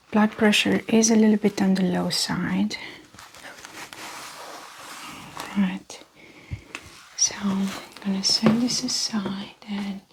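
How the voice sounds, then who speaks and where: A woman playing a calm, methodical female doctor in a whispered role-play, speaking in a soft breathy whisper with gentle clinical narration. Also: medium pitch, slight background noise. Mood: calm, attentive. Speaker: ASMR performer.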